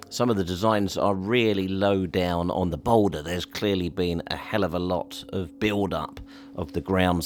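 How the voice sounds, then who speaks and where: A man doing a relaxed studio voiceover in a husky, slightly dreamy voice. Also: low-pitched, slight background noise. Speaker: video host. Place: home studio.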